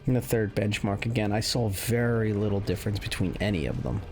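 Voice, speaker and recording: A game reviewer running benchmarks offers off-the-cuff, casual commentary, explaining in a rambling, hesitant manner. His voice is on the low side and darkish, and he speaks fairly quickly over background music.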